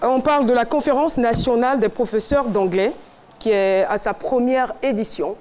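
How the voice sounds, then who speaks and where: A woman hosting a TV show in a studio with a live audience, lively and playful as she calls out to the crowd and interviews guests. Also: a little high, moderate pace. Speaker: TV show host. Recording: noisy studio with crowd behind.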